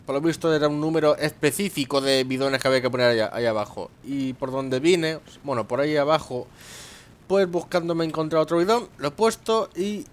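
A man's voice: a little high, a little fast. A young man, commenting on his gameplay, muttering to himself and swearing. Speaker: gameplay host. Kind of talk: let's play commentary.

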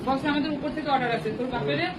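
Woman, Bangladeshi accent, distant mic, loud crowd, high fast voice, insistent repetitive eyewitness account. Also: steady tone. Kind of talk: unscripted spoken account.

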